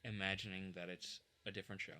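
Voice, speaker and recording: Matter-of-fact young man, low bright voice. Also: flat delivery, quick pace, clear, resonant tone. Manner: matter-of-fact, corrects the others firmly. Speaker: podcast co-host. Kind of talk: casual chat.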